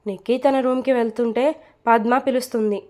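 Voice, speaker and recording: A woman narrating a serialized romantic story in a plain, steady reading voice. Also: a little high, fairly quick.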